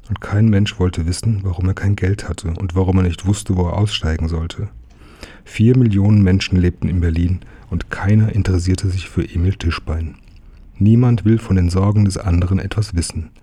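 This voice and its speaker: A man calmly reading a children's novel aloud as narrator. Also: sits low, slightly rough. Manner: calm, measured storytelling. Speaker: audiobook narrator. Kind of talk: scripted narration.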